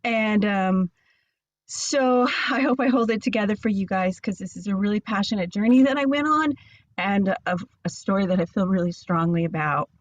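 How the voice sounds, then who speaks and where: A woman giving a casual talk over a video call from inside a camper van, nervous and halting with many fillers. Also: medium pitch, no room sound. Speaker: guest speaker. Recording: dull dry video call audio.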